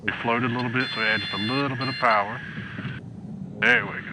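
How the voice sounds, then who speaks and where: A man flying a small plane, talking over a cockpit headset intercom, calmly coaching a young student step by step and making radio calls. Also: mid-range voice, fast, creaky. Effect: pilot talking over a cockpit headset intercom. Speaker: pilot instructing a young student. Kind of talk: in-flight instruction and radio calls. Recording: noisy cockpit headset audio. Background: engine drone.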